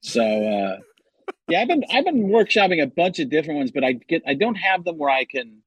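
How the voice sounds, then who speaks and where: A comedian and impressionist chatting loosely on a studio mic, self-deprecating and often restarting his sentences. His voice is husky and the sound is dry and close. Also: a little high, sing-song, fairly quick, no echo. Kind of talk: casual interview chat.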